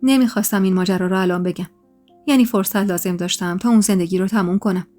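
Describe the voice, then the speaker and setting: A woman voicing a grave middle-aged man who speaks low and earnestly, over soft background music. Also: steady tone, natural voice. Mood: confiding.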